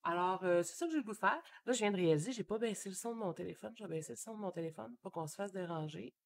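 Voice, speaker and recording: Speaking very fast in a creaky, mid-range voice, a Québécois French-accented woman paints live from her home studio. The live-stream host is chatty and easygoing, thinking out loud with plenty of fillers.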